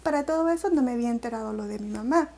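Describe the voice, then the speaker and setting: High-voiced Salvadoran woman recounting her story. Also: racing, mellow. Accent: Salvadoran Spanish. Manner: reflective, with many fillers and restarts. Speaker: interview guest. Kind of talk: personal story in an interview.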